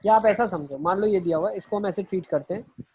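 A man's voice: high-pitched, fast talker, mellow, breathy edge. A man teaching math in an online lecture, explaining each step and answering his own questions as he goes, with English phrases mixed in.

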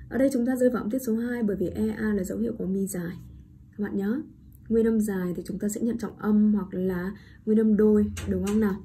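Vietnamese-accented woman, English teacher, slow repeated words, rhetorical checks, faint hiss. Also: medium pitch, dark tone. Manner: repeats each word slowly, then explains with frequent rhetorical checks. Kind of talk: online pronunciation lesson.

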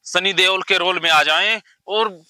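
A man with a high, very bright voice, working as a psychologist who guides a client through a therapy exercise. He gives orders urgently and keeps calling out encouragement. The tone is piercing and forceful. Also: a little slow, no room sound. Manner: urgent, commanding, repeatedly shouting encouragement.

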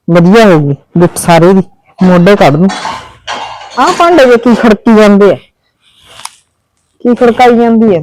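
A man's voice: sits high, a little hiss or hum, close to an everyday voice, low-quality recording. A man playing a grumbling old mother-in-law. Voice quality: muttering to herself, grumbling. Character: stern older mother-in-law, suspicious and nosy. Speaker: mother-in-law in a family drama. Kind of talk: village short-film acting.

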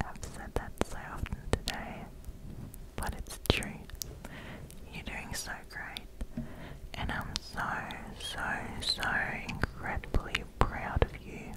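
A young woman delivers a whispered pep talk in ASMR style. Her voice is all breath, with no voiced tone, and extremely slow. She sounds reassuring and soothing, repeating small words, recorded very close on a desk microphone. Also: poor audio. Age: young adult. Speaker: ASMR host. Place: small indoor room. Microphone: close desk condenser mic with fluffy cover.

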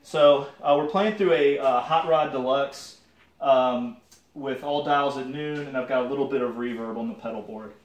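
Relaxed and halting, full of fillers, a young man with a mid-range voice chats through a casual gear demo in a home music room lined with guitars and amps. Electric guitar plays in the background. He's captured off-mic by a distant camera microphone, so the sound is roomy.

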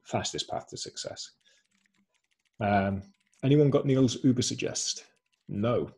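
A man's voice: mid-range voice, slow, a little mellow, husky. Upbeat man hosting a webinar. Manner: upbeat, repeats short slogans, many "um" fillers. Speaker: webinar co-host presenting slides. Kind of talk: casual webinar presentation.

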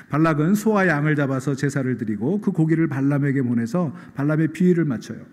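Korean pastor preaching in a reverberant sanctuary. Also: male voice, a little high. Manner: animated storytelling, acts out quoted voices. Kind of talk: sermon. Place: church sanctuary. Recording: church sanctuary with long reverb.

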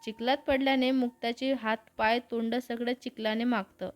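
A woman narrating a romantic story in a steady storytelling manner. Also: a little high, moderate pace, faint music behind.

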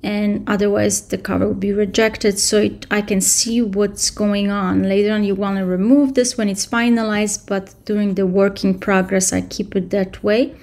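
Her voice is mid-range with a level tone, and she talks at normal speed with few pauses. She's a woman in her thirties presenting a casual software tutorial by screen share from her computer indoors, walking through each step with frequent fillers.

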